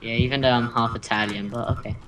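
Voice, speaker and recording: A young man giving excitable, teasing commentary while playing a multiplayer game with friends over a noisy voice-chat recording. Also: medium pitch, quick pace, recorded from a distance. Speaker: gamer.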